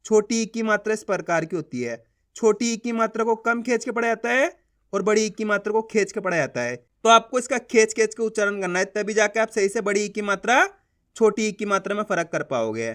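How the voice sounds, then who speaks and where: A man with a fairly high, smooth and resonant voice runs a beginners' reading lesson. He sounds out syllables one at a time, drawing them out, and keeps asking the learner how they are read. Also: expressive, fairly bright tone. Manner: slow, drawn-out syllable sounding with repeated questions to the learner. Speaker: teacher.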